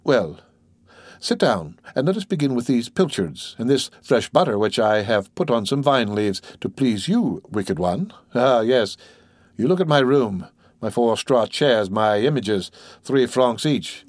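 A man's voice: mid-range voice, big pitch swings, a little slow, a little mellow, no room sound. A man voicing a sly, sentimental old male innkeeper who talks in a wheedling, sententious way, in an audiobook.

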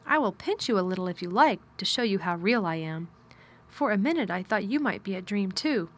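A woman's voice: mid-range voice, animated, fairly quick, lightly acted. A woman voicing a curious, forthright young girl in an audiobook, with a direct, questioning manner. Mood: amazed, frank. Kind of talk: audiobook character dialogue.

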